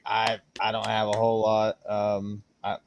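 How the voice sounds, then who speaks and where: A quiet, low-key man giving a short shout-out on a casual sports podcast. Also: monotone, unhurried, dull audio, a little hiss or hum. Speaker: podcast co-host.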